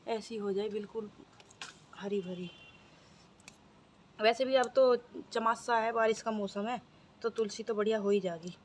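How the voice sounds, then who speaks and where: A vlogger with a sore throat chats through a casual daily-life vlog outdoors on a rooftop, repeating herself and turning often to her viewers. Her voice is a little high with a darkish tone, and there's a slight hiss or hum.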